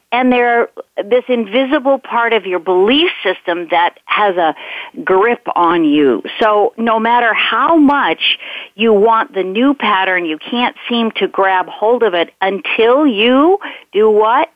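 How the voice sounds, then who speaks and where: Woman, meditation guide, slow measured delivery, instructive, pauses between phrases, phone-like sound, faint music. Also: mid-range voice, dry recording. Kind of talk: guided meditation and spiritual teaching. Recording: tinny phone-like line with music behind.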